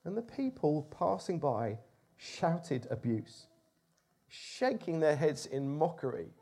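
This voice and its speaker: Animated high-voiced male preacher. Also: slow, creaky, slightly rough. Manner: expressive, animated, with rising emphasis. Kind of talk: sermon.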